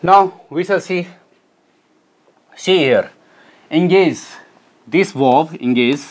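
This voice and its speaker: A man works through entrance exam questions as an English teacher. His voice sits a little high, and he repeats key words slowly so students can follow. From Nepal. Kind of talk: exam solution lesson.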